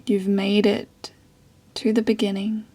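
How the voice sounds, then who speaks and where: This female meditation guide, a yoga and meditation teacher, speaks softly and breathily. She takes her time, leaving long pauses, with a pitch that barely changes.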